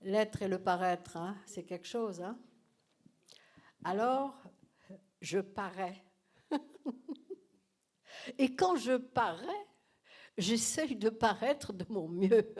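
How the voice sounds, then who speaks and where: An older woman speaking spontaneously as the guest of a masterclass, animated and self-mocking, repeating her phrases. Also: a little high. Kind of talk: spontaneous public talk.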